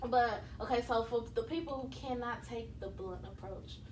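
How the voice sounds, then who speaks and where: A woman hosting a casual podcast chat, animated and quick to laugh, reading out listener comments. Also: fairly high pitch, roomy sound, background noise. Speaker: podcast host.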